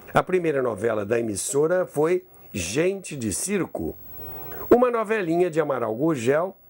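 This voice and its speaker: In a slightly mellow, mid-range voice, a Brazilian man narrates a scripted tale on the history podcast he hosts for radio. His delivery is theatrical, broken up by conversational asides.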